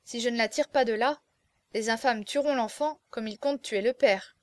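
A woman's voice: on the high side, normal speed, no echo, close to an everyday voice. A woman reading as a terse young swordsman. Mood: brooding. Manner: terse, restrained. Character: bold young swordsman, grave and hurried. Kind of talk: audiobook character voice.

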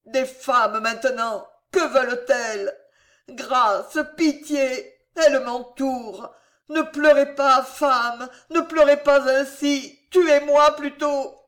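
A man's voice: sits high, takes it slowly, few pauses, fairly bright tone. A man reading aloud, voicing a delirious dying young king who pleads in frantic cries, tormented by guilt. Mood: terrified. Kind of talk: dramatic reading of a historical novel.

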